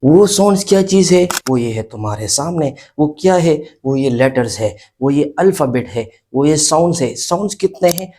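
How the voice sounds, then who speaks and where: A man's voice: a little high, lively intonation, normal speed, few pauses, dark tone, a little hiss or hum. A man teaching a beginner English lesson, explaining step by step, repeating key points and asking and answering his own questions. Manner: often adds checking tags like "okay" and "isn't it". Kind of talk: classroom lesson explaining letters and sounds.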